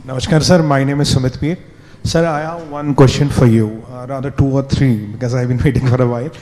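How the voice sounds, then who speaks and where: An Indian-accented man puts his question from the floor. The voice is warm and relaxed at a middle pitch, with long hall reverb. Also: brisk. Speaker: audience questioner. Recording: echoey hall.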